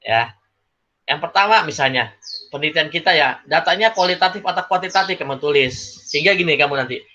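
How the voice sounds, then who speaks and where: A man teaching a class, explaining examples in a lively way and often checking that students follow. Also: on the high side. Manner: lively, acts out quoted people, checks in with "paham ya?". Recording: slightly dull, lo-fi recording.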